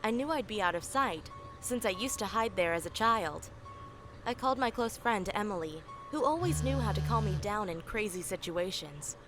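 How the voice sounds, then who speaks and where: A woman's voice: mid-range voice, lively intonation, moderate pace. A woman giving earnest, scripted first-person horror narration in a breathless storytelling way. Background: music.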